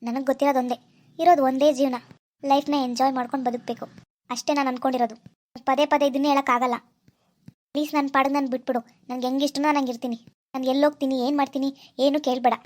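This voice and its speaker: A woman's voice: sits high, little pitch movement, rapid-fire, darkish tone, lightly acted. A woman voicing a vain, carefree young wife who talks in a boastful, defiant way. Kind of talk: cartoon voice acting.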